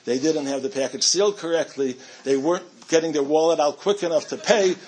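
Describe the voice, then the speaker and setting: A man's voice: fairly high pitch, fairly quick, a little mellow, husky. A middle-aged man giving a storytelling talk to a community audience, chatty and self-amused, with frequent restarts.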